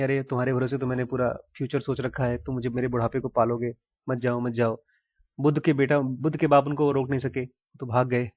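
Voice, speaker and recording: A man speaking to a small group in an easy, unhurried teaching manner, stopping to clear his throat and to put questions to his listeners. His voice sits at an ordinary middle pitch. The recording is muffled and lo-fi. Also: darkish tone. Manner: storytelling with pauses and questions to listeners. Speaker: teacher giving a talk. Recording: dull lo-fi recording.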